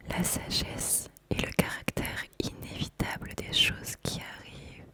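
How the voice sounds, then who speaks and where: Soft and careful, the whispering host walks through an oracle card deck for her ASMR audience, keeping her speech measured and deliberate.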